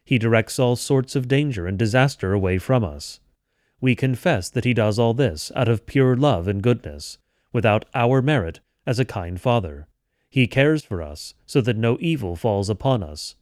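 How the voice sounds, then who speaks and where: A man reading scripture and catechism aloud in a measured, even way, as a daily devotional. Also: medium pitch, dry recording, clean studio sound. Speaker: devotional reader.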